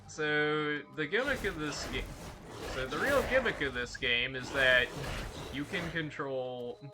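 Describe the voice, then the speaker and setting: A man giving relaxed, chatty commentary while streaming a game. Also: on the high side, a little slow, music in the background. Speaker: gameplay streamer. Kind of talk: casual gameplay commentary.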